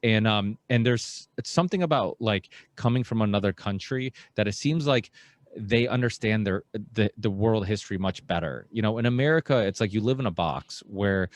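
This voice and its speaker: Podcast guy in his 30s, kinda low voice, super dry close mic, rambles and riffs. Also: moderate pace, dry recording. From Portugal. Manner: animated, rambling, mocking asides. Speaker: podcast host. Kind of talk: casual interview chat. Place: small home studio with guitars. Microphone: headset and studio microphone on boom arm.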